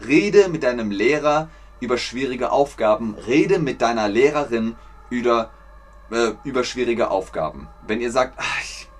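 Slow, clear man teaching German. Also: mid-range voice, lively intonation, faint music behind. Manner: slow, clear, repeats words for learners; chatty, reads out viewer names from chat. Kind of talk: live-streamed language lesson.

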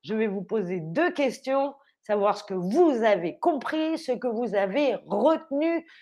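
A young woman leads a French vocabulary lesson on a livestream, cheerful and encouraging with her viewers. She speaks slowly and deliberately, spelling words out letter by letter in a fairly high voice. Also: expressive, warm tone. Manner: upbeat, encouraging, quizzes viewers. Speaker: French teacher hosting a livestream. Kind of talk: live online vocabulary lesson.

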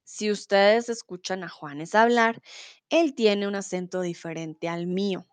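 A Colombian woman with a Bogotá accent gives a livestreamed Spanish lesson. She explains things slowly and patiently in a smooth, clear voice. She slips into English and German, and the sound is dry and close. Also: mid-range voice, no echo. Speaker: Spanish teacher streaming.

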